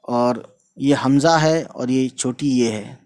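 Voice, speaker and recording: A man's voice: mid-range voice, a little mellow. A man teaching a casual language lesson, who spells out each word letter by letter and says it again and again, with English words mixed in. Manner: slow, repeats each word several times and spells it out letter by letter; mixes English words into his talk. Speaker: Urdu teacher.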